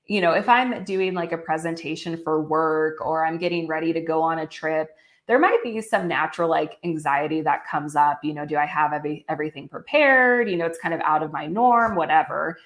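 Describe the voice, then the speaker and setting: A woman's voice: low-pitched, fairly quick. A woman co-hosting a casual podcast discussion, reflective and full of "like" and "um" fillers. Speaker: podcast co-host.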